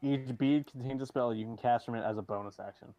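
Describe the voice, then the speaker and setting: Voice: medium pitch, fast, warm tone, no room sound, faint music behind, low-quality recording. Chill game master talking about the session, joking around. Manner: laid-back, jokey, laughs a lot. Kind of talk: casual game talk.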